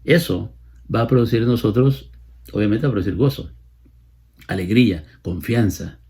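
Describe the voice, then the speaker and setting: Explaining the Bible in a sermon, this Salvadoran-accented preacher in his late fifties repeats phrases to drive points home. He speaks at a normal speed in a fairly low, warm, husky voice.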